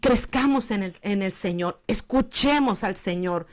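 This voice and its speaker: A woman's voice: mid-range voice, a little slow. A woman co-hosting a Bible teaching with her husband, speaking earnestly and adding frequent amens of agreement. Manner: affirming, punctuates with amen and exactly. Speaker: co-host, pastor's wife.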